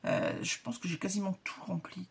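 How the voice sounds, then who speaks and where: A woman's voice: lowish voice, sing-song, brisk, creaky, breathy edge. A woman from northern France chatting casually through an unboxing vlog, with many hesitations and the product names whispered. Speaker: vlogger.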